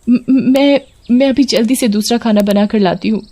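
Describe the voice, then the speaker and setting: This is a meek, gentle young daughter-in-law from a storybook tale, voiced by a woman narrator. She speaks softly, with a pleading, hesitant manner, in a raised, girlish pitch. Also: normal speed, natural voice.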